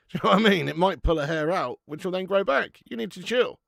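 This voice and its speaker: A man's voice: high-pitched, animated, a little fast, vocal fry, a bit bright, dry recording, studio quality. A man, hosting a football watch-along and bantering with chat, laughing and swearing freely. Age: 30s. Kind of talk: casual live-stream chat.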